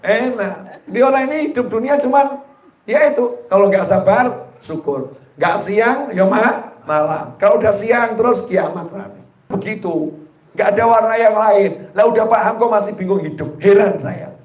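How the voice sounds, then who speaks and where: A man giving a humorous sermon to a live audience, talking straight to his listeners and breaking words across pauses before finishing them. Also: high-pitched, darkish tone. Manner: jokey, addresses the audience directly, acts out quoted people. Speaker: preacher. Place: gathering hall with a live audience. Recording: roomy, echoing hall sound.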